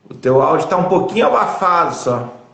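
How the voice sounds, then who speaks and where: A Brazilian therapist joining a live stream by video call, giving short friendly replies. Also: male voice, on the high side, sing-song, fairly quick, creaky, a bit bright, reverberant. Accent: Brazilian Portuguese. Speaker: therapist guest. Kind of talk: casual video call chat.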